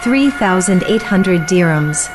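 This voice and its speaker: A woman reading out money amounts slowly and evenly as the show's banker voice. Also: on the low side. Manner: slow, even announcing of amounts. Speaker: recorded banker voice announcing amounts. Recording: loud music bed under the voice.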